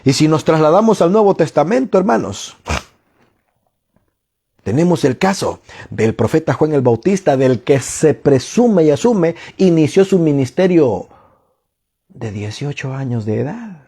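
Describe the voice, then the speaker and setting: A man preaching a sermon in a slow, emphatic way, often asking rhetorical questions and answering them himself. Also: fairly high pitch, very animated, gravelly, warm tone, slightly rough.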